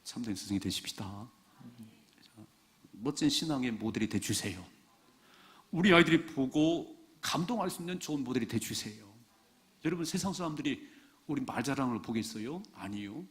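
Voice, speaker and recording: Male pastor, mid-pitched, lively sermon delivery full of rhetorical questions. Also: moderate pace. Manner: animated preaching, rhetorical questions to the congregation.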